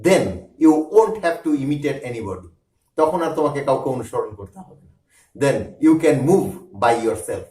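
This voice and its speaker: A man teaching spoken English, drawing out each English phrase in slow, clearly separated words before rattling off a quick restatement. His voice swoops up and down with animated pitch. He sounds set back from the mic in an echoey room. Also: recorded from a distance. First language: Bengali. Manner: slow, deliberate English, then fast Bengali restatements. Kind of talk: bilingual spoken English lesson.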